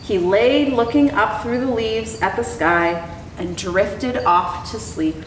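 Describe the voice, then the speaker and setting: A young woman reading a children's storybook aloud in an expressive, educator's style. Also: medium pitch, takes it slowly, slight background noise. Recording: echoey room, clear background ambience.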